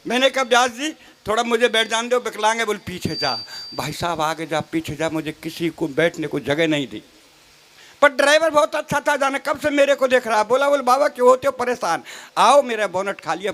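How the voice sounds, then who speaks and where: High-voiced male comic poet on stage. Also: a little fast, a bit bright. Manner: storytelling with mock dialogue, teasing fellow poets. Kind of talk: comic poetry recital. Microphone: stage microphone. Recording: live crowd behind the voice.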